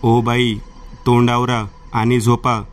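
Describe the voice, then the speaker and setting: A man's voice: mid-range voice, completely flat delivery, takes it slowly, a little hiss or hum, close to an everyday voice. A man voicing a wary young man who turns down a stranger with firm, awkward refusals.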